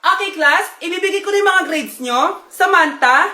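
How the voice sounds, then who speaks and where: High-voiced woman acting out comic skits. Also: moderate pace, reverberant. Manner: switches characters, teasing and shouting. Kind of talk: comedic skit role-play.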